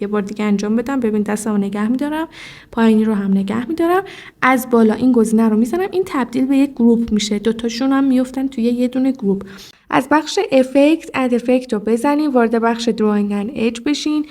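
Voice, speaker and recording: A woman's voice: on the high side, a little mellow. A woman guiding viewers step by step through a mobile video editing app, talking to them directly. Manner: explanatory, addresses viewer directly, frequent "look". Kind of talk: step-by-step screen tutorial.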